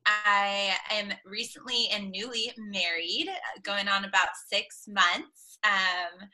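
A woman's voice: mid-range voice, slow pace, pushed and bright, low-quality recording. A young woman from Los Angeles with a Valley Girl accent, chatting casually as a podcast guest in a bubbly, gushing sorority-girl manner. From Los Angeles, California. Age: young adult. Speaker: podcast guest, ministry leader. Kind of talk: casual chat.

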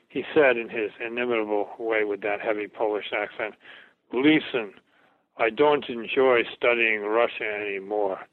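An older man, a historian, answering interview questions in a reflective academic way, halting and repeating words as he thinks. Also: mid-range voice, no room sound. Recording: tinny phone-like radio recording.

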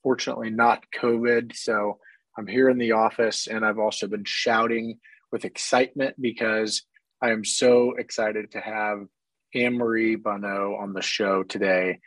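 A hoarse man with a cold hosting a podcast interview from an office, upbeat and chatty with many fillers. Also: fairly low pitch, level tone, moderate pace, a bit bright, dry recording, low-quality recording. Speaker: podcast host. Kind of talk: casual interview chat.

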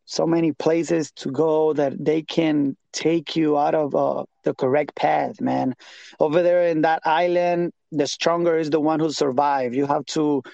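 A man in his thirties from Puerto Rico, an evangelist minister speaking English with a Puerto Rican Spanish accent, talking haltingly and repeating words as he searches for them in a casual interview. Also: fairly high pitch, gravelly, darkish tone, dry recording. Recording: dull lo-fi sound.

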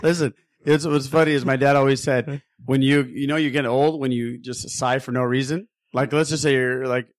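A man's voice: medium pitch, steady tone, brisk, no echo. A man hosting a podcast in casual, jokey chat, informally repeating phrases for emphasis. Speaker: podcast host.

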